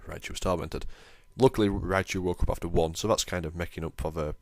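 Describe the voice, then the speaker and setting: A man's voice: sits low, steady tone, quick pace, creaky, a little mellow, slight background noise. A young man giving chatty, self-deprecating commentary over a recorded game as the channel's host.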